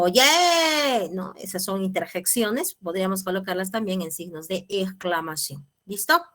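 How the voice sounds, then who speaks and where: A woman's voice: mid-range voice, sharp tone. A woman teaching an online class, explaining patiently and checking in with her students. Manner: patient, checks in with tag questions.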